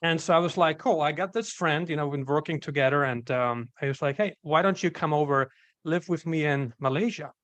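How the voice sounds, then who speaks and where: Austrian-born man in his twenties, slightly high voice, dry close sound, chatty storyteller. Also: fairly quick, a bit bright, no echo. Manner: storytelling, upbeat, frequent "you know". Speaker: guest entrepreneur. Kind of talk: casual interview chat.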